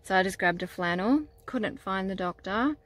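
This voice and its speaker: A woman's voice: mid-range voice, animated, normal speed. A woman in her forties chatting to a phone at arm's length inside a small camper van, telling rambling stories with lots of fillers, tired and nursing a headache. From Australia. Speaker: van life vlogger. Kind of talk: casual vlog chat to camera. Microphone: phone held at arm's length.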